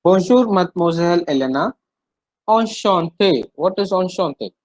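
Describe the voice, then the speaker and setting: Leading an interactive French lesson, a male teacher with an Indian accent repeats each phrase, translates line by line and frequently checks understanding with short questions. He has a high voice with lively intonation and a moderate pace. The recording is very dry, with no room sound at all.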